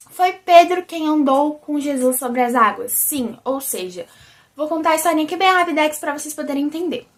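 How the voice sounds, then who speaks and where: A young Brazilian woman with a childlike, squeaky voice, chatting animatedly to her viewers in a casual religious vlog. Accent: Brazilian Portuguese. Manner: animated and chatty, often calls the viewers "gente". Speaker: vlogger. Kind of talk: casual religious video chat.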